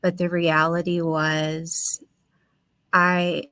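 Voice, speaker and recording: A woman's voice: fairly low pitch, level tone, extremely slow, fairly bright tone. A woman guest telling personal stories in conversation, candid and reflective with some wry humor. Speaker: podcast guest, author.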